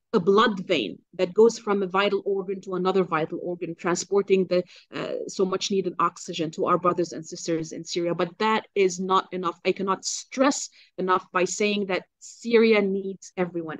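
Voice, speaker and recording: A woman's voice: on the low side, fairly even intonation, no echo, lo-fi sound. Impassioned woman from Lebanon, dry sound. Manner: impassioned, halting with many fillers and restarts. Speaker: guest journalist. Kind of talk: interview on a call.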